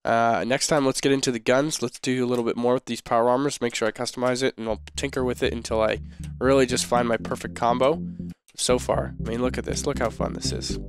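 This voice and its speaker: A man with a sick voice, casually commenting on his gameplay as a video host, chatty and relaxed with many ums and uhs. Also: medium pitch, fast, clean tone, soft background music.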